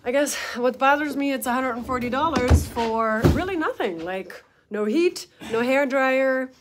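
Chatty woman vlogging on a phone. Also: on the high side. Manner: chatty, mildly complaining, laughs often. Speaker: thru-hiking vlogger. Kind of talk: casual vlog talk to camera. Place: small wood-paneled motel room, indoors. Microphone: phone camera at arm's length.

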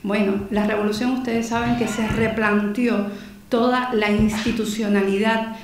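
A Cuban woman in her forties gives an earnest, measured conference talk from a panel table, partly reading aloud, with fillers and restarts. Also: mid-range voice, level tone, far from the mic, noisy background. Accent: Cuban Spanish. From Cuba. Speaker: conference speaker, newspaper director. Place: conference hall stage, seated at a panel table. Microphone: table microphone on a stand. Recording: echoey hall, voice from off the mic.

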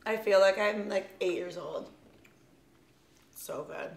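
A woman's voice: medium pitch, slow pace, gravelly. A woman guest tasting food, chatting enthusiastically while chewing. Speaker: guest taste tester. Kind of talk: casual chat. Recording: echoey room.

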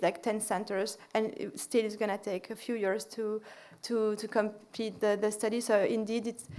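Standing at a podium in a large lecture hall, a woman lecturer fields audience questions, her slightly high voice full of fillers and restarts.

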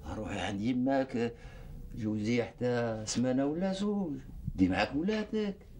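An actor with an Algerian Arabic accent, playing a weary husband who pleads and defends himself in a TV drama. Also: male voice, medium pitch, lively intonation, normal speed, mellow, slight background noise, lightly acted. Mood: pleading. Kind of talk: TV drama acting.

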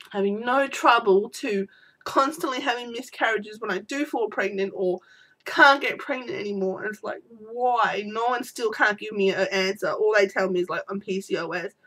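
A woman's voice: fairly high pitch, a bit bright. Teary woman rambling in a video diary. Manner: rambling, apologetic talk. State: teary, voice breaking. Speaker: vlogger. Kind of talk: unedited personal video diary.

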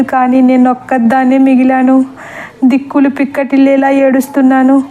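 A woman's voice: a little high, a little mellow. A woman narrating a first-person horror story in an emotional, dramatic reading, voicing the other characters' lines herself.

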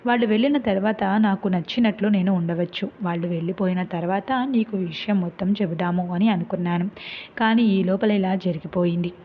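A woman voicing a gentle young husband earnestly confessing in a storybook tale, with a tinny phone-like sound. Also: mid-range voice, steady tone, brisk, slight background noise, close to an everyday voice. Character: young husband, gentle, loving, feigning madness.

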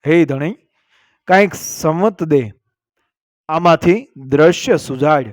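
A man's voice: a little high, slow pace, dry recording. A man voicing a proud clansman torn by conscience, speaking in an anguished, pleading way. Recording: dull lo-fi and dry.

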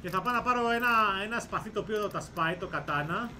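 A man hosting a let's play, giving excitable gameplay commentary full of yelling, cursing and comic threats at the enemies. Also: sits high, slight background noise.

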